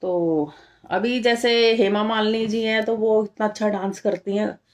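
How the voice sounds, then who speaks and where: A woman's voice: mid-range voice, steady tone, a little slow. A middle-aged woman from India hosting a casual live stream, talking straight to her viewers and firmly rebutting comments, repeating her points for emphasis.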